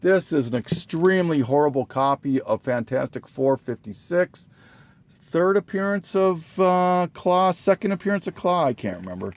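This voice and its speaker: A man slowly listing items from his collection in a casual, halting way, full of ums and self-corrections, clearing his throat as he loses his voice. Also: a little high, animated, dry recording. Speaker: comic collector listing trades. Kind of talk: casual show-and-tell listing.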